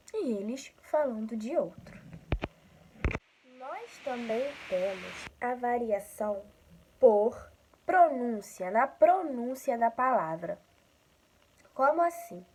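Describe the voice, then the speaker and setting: Carioca lady teacher explaining a lesson real slow and patient, kinda high voice. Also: lively intonation, darkish tone, slight background noise, low-quality recording. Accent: Carioca Brazilian Portuguese. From Rio de Janeiro, Brazil. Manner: slow, patient, often checks in with "né?".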